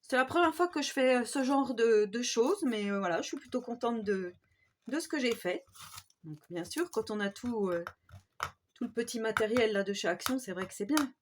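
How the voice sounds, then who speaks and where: A fairly high-voiced woman with a strong Haute-Marne accent talks through a home craft tutorial in an easygoing, chatty way. She hesitates often, fills gaps with "euh", and tags her sentences with "hein". A faint noise sits under her voice. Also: animated, normal speed. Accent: Haute-Marne French with Swiss border touches. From Haute-Marne, France. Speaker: craft YouTuber. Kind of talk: casual DIY tutorial talk.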